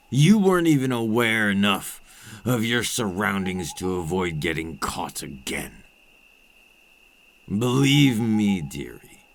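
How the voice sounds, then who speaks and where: Playing a cold, possessive vampire captor in an ASMR roleplay, a man speaks with deliberate, condescending menace and slips into breathy murmurs. His exaggerated voice sits low yet has a fairly bright tone.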